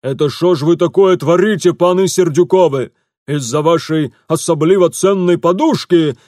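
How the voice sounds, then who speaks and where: A man voicing a burly, bearded Cossack sergeant-major with a Ukrainian accent, booming and commanding. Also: normal speed, darkish tone, no echo, studio quality, close to an everyday voice.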